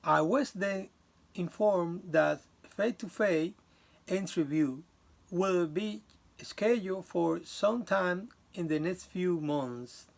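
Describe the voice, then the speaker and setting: Recorded on video during a class presentation, this Dominican Republic student has a high voice with a slow, gravelly quality. He's earnest though halting, restarting lines and showing some non-native grammar.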